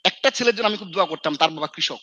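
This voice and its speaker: A Bangladeshi Islamic scholar and mentor chats casually with students, acting out his scolding and slipping in English phrases. His high-pitched voice comes rapid-fire, bright and forceful, with no echo.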